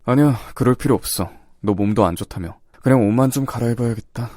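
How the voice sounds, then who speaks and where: A man's voice: mid-range voice, quick pace, dark tone, no echo, studio quality, close to an everyday voice. A man voicing a breezy, friendly schoolboy. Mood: casual. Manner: breezy, teasing. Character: outgoing friendly teenage transfer student boy. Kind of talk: audio drama acting.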